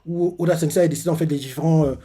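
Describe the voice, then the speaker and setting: A man's voice: on the high side, fairly even intonation, racing, warm tone, slightly rough. Rambling man retelling a comic. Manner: rambling, full of filler words and restarts. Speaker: manga reaction host. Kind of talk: casual live retelling of a comic chapter.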